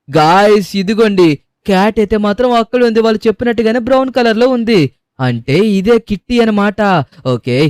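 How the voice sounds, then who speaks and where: A young man hosting a gaming channel, narrating game play in character with excitable, dramatic shouts and groans. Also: sits high, clear, resonant tone, dry recording. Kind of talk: game voiceover commentary in character.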